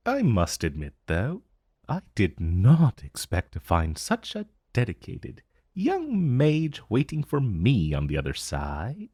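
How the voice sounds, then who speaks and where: An ancient, urbane dragon, acted by a man in a fantasy audio roleplay. He drawls extremely slowly in a low voice that swoops dramatically, sounding amused and vaguely menacing. The sound is dry and intimate. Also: huge pitch swings, warm tone, slightly rough, dry recording, full character voice. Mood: amused, impressed. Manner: theatrical, drawling, savoring words, amused. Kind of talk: fantasy roleplay ASMR monologue.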